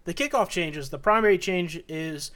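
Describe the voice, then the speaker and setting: A young man co-hosts a sports podcast in relaxed, everyday chat. He stops and restarts his sentences often and leans on fillers. His voice sits slightly high for a man. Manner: halting, many restarts and fillers. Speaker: podcast co-host.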